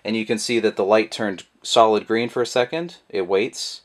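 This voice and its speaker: At a moderate pace and with a voice on the low side, a man demonstrates a product casually, sitting at an indoor table where the camera mic captures him. As a product reviewer, he keeps it relaxed and rambling, leaning on lots of fillers.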